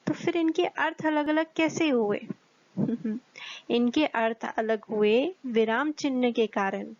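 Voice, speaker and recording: A woman teaches young students with a slow, careful delivery. Her voice sits somewhat high, and she stops often to ask the class questions. The recording is dull and lo-fi, with no room echo. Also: a little mellow. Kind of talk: Hindi grammar lesson for children.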